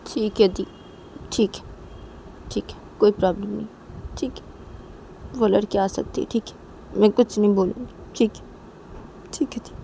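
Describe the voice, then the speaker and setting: A woman voicing a tearful young woman who gives in to her sister, her voice pleading and raised higher. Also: steady tone, a little slow, creaky, pauses often, dark tone, slight background noise.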